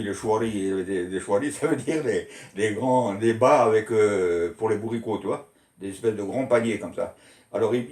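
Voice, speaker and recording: A man's voice: on the low side, a little mellow. An older man casually recounting childhood memories, rambling and laughing often as he goes. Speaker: storyteller recalling childhood. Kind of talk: casual reminiscing. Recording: echoey room.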